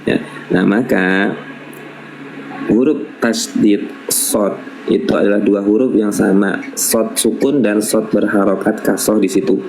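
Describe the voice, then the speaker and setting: Slow low-voiced man teaching recitation. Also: fairly even intonation, vocal fry, a little mellow, a little hiss or hum, poor audio. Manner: patient, repeats syllables slowly as models to imitate. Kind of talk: live tajwid lesson.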